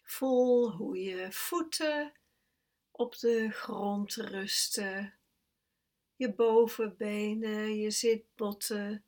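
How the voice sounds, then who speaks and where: Very slow, soft-spoken woman guiding meditation. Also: medium pitch. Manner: slow, soft, calm instructions, at times sinking to a whisper. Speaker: meditation guide. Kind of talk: guided breathing meditation.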